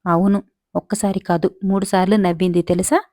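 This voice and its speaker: A woman's voice: lowish voice, flat delivery, a little fast, dark tone, no room sound, clean studio sound, lightly acted. A woman voicing a naive, lovesick young man who insists and boasts about his love. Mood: insistent.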